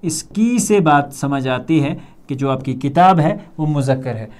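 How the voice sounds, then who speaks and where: A young man with a Kashmiri accent teaching a grammar lesson, repeating words slowly and checking in often with "theek hai". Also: a little high, expressive, a little mellow.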